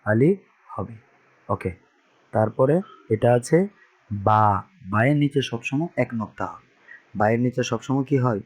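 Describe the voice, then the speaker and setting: A man teaches beginners to read the Quran, patiently repeating each Arabic letter sound so learners can echo it back in call-and-response drills. His medium-pitched voice is unhurried, with frequent pauses.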